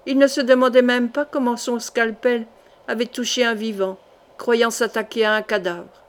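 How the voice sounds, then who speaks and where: List: woman, audiobook narrator, adventure novel, measured expressive reading, fairly high voice. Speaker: audiobook reader.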